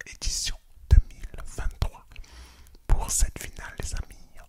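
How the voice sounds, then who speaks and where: A man hosting an ASMR channel, whispering throughout in an unhurried way, repeating phrases and often calling his listeners friends. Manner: unhurried, repeats phrases, some small restarts.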